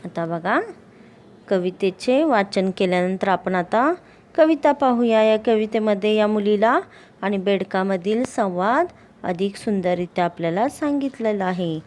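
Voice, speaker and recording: A woman teaching a primary school class with a Marathi accent. She explains slowly, asks the pupils questions and answers them herself, and recites a poem in a sing-song voice. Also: medium pitch, a little mellow.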